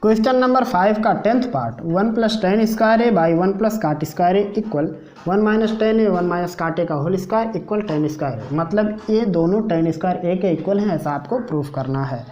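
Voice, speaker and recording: A woman's voice: on the low side, slow, mellow. A woman teaching a math lesson, patiently talking through each step of a proof aloud. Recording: dull lo-fi recording.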